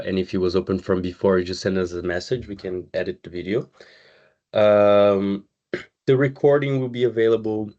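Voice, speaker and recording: A man from Brazil, a community manager, hosting an online webinar in a relaxed, conversational way over a video call. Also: fairly low pitch. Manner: relaxed, conversational, pauses often with "uh" and "um". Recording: slightly muffled video call audio.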